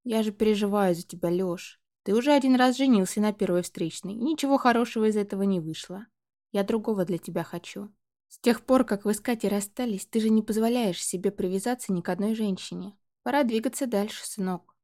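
A woman's voice: medium pitch, brisk, dark tone, lightly acted. A woman reading the lines of a worried, doting middle-aged mother in an audiobook. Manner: worried, pleading.

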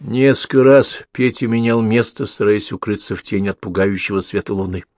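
A man reading an audiobook as narrator, expressive and storytelling. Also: fairly low pitch, fairly quick, dry recording, studio quality. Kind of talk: scripted narration.

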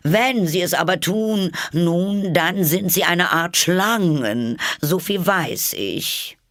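A reader voicing a scornful, suspicious female pigeon guarding her nest, with slow, drawn-out scolding in a storybook reading. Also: medium pitch, expressive, fairly bright tone, no echo, studio quality, voice pushed up.

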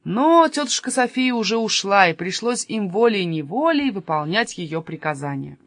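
Animated female storybook narrator, dry close sound. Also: mid-range voice, moderate pace, no room sound. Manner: expressive, animated reading.

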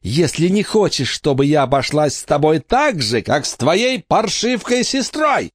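A man's voice: sing-song, unhurried, no room sound, studio quality. A male narrator voicing a greedy, scheming woman who runs an orphanage, switching between falsely sweet fawning and a furious hiss. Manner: shrill, hissing, falsely sweet. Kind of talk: audiobook character voice.

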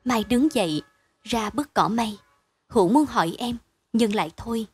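A woman reading a bedtime story aloud in a calm, measured way. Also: fairly high pitch, breathy edge, dry recording.

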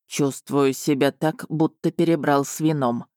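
A woman voicing a calm, composed young male emperor who speaks evenly. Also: low-pitched, a little slow, dry recording, studio quality, pitched below the performer's own voice.

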